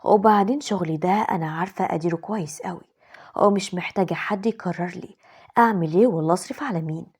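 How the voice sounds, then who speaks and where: A woman doing a firm young Egyptian wife who refuses to back down. Her fast, breathy, mellow voice stays blunt. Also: fairly low pitch. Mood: indignant.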